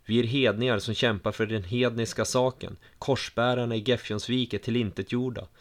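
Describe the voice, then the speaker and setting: A man's voice: medium pitch, fairly even intonation, lightly acted. A man voicing a firm, determined male pagan leader in a read-aloud story. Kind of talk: audiobook storytelling.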